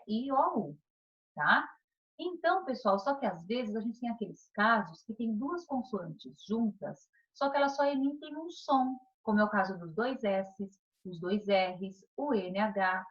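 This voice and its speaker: A woman's voice: fairly high pitch, muffled recording. A woman with a Brazilian Portuguese accent giving a recorded lesson to primary school pupils. She asks patient questions and checks often that the class is following.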